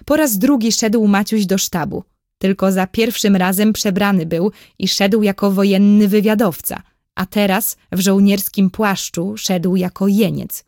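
A woman narrating a children's story as an audiobook in a clear, measured storytelling manner. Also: mid-range voice, steady tone, darkish tone, no echo, studio quality.

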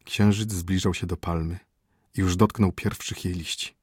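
A man reads a story aloud in a steady, dramatic audiobook style. His voice is low and husky. The recording is dry and close, with no room echo. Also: moderate pace. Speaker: narrator. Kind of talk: audiobook narration.

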